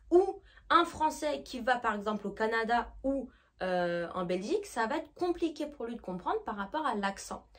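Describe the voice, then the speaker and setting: Young woman from France, teacher type, bright higher voice, chatty explaining style. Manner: lively, checks in often with "d'accord?". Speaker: English teacher. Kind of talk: explaining to camera.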